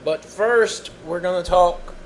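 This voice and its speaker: A man's voice: high-pitched, takes it slowly, slight background noise, rough recording. A young man co-hosting a casual podcast, rambling and joking with filler words while he has the hiccups. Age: young adult. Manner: rambling, self-interrupting, jokey. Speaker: podcast co-host.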